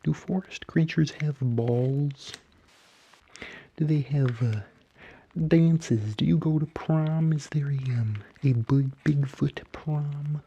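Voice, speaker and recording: A performer voicing an excitable, gentle male puppet frog as a hairdresser in a soft, soothing, halting ASMR roleplay. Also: mid-range voice, husky, dull audio. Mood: gentle, encouraging. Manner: soothing, fussy, halting murmur with oohs and hmms.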